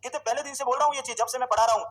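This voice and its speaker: A man teaching a Sanskrit grammar class, drilling students with questions and slowly repeating forms. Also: extremely high pitch, steady tone, poor audio. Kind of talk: classroom lecture.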